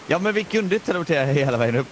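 A young man gaming with a friend, chatting casually and lively. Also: on the high side, slight background noise. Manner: lively, jumps into loud squeals. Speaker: co-op gaming partner. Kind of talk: casual co-op gameplay chat.

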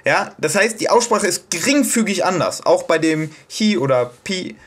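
Man, from germany, casual language tutorial, hesitant, fillers and restarts, fairly high voice. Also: animated, normal speed, a bit bright. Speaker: video host explaining Japanese pronunciation. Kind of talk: casual self-made tutorial.

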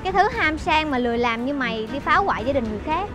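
A woman's voice: sits high, expressive, rapid-fire. A woman playing an indignant betrayed friend. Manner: accusing, indignant. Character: betrayed young woman scolding a disloyal friend. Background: background music.

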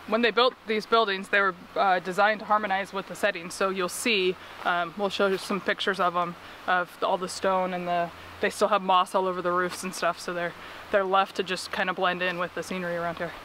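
A woman's voice: mid-range voice, fairly bright tone, rough recording. A woman hosting a casual RV travel vlog, chatting and explaining facts about a forest park. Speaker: RV travel vlogger. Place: outdoors in a rainy forest park. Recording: outdoor noise on the mic.

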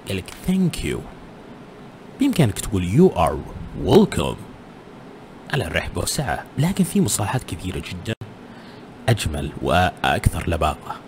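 Lively man teaching English. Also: slight background noise. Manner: switches between Arabic and slow English phrases; lively pitch, English examples spoken slowly and higher. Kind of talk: casual spoken lesson.

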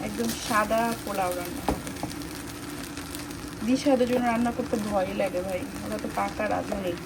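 A woman's voice: medium pitch, normal speed. A woman in her thirties from Bangladesh, chatting casually to the camera as she cooks at home. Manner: chatty, talks to children and camera while cooking. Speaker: vlogger. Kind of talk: casual vlog narration. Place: home kitchen. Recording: noisy home recording. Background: frying and sizzling.

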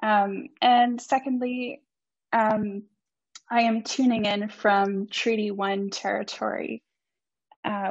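A young woman in her twenties, a student presenter, gives an academic conference talk over a video call, polite and earnest with frequent ums. Her mid-range voice is a little mellow, and her first language is not Icelandic. The computer mic yields dry, slightly dull video-call audio with no echo.

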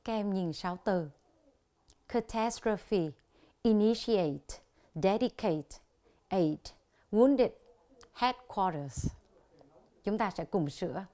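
A woman from Vietnam hosts a television English lesson, slowly drilling how English words are pronounced, with a Vietnamese accent. Her voice is medium-pitched and dark in tone, with lively intonation.

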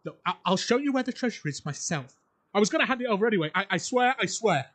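Husky, high-pitched old miser. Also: male voice, animated, quick pace, fairly bright tone. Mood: panicked pleading. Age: older. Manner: stammering, repetitive, pleading. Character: avaricious old miser, panicky and wheedling. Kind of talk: theatrical audio drama acting.

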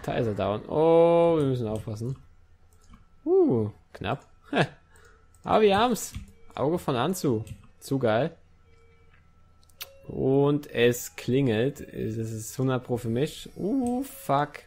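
Gravelly young man doing let's-play chatter. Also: medium pitch, big pitch swings, slow, pauses often, a little mellow. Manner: chatty, talks to the game and viewers, swears lightly. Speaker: gaming YouTuber.

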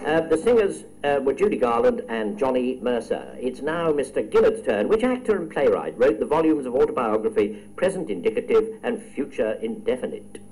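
A man hosting a radio quiz, his voice rising and falling in a lively way as he reads out questions. He teases the contestants with playful, chatty asides. A faint hiss sits under the recording. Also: mid-range voice, normal speed, few pauses, low-quality recording. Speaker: quiz show host.

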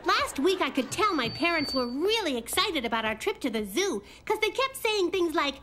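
A woman voicing a spunky, quick-witted little schoolgirl in a children's cartoon, plain-spoken and matter-of-fact. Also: very high-pitched, big pitch swings, background noise. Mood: wry storytelling. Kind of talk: animated children's cartoon acting.

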